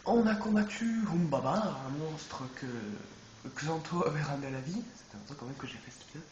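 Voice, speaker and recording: A let's play gamer with a head cold rambles casually through gameplay commentary, often correcting himself. His voice is fairly high, a little fast, and darkish, with the highs cut off, recorded in an echoey room with background noise.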